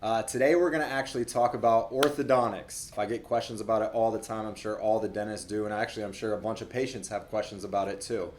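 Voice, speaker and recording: A young adult man speaks in a lowish voice, talking through dental questions as a dentist would. His delivery is casual and chatty, with restarts and repeated words. It sounds like an informal explainer straight to camera. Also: steady tone, fast talker, few pauses, slight background noise. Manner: conversational, repeats words, fillers.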